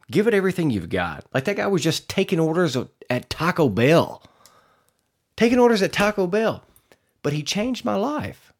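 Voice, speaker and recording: A man hosts his podcast in a loose, motivational monologue. His voice rises and falls a lot as he talks, and he stumbles over and repeats his words in a folksy, rambling way. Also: mid-range voice. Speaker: podcast host.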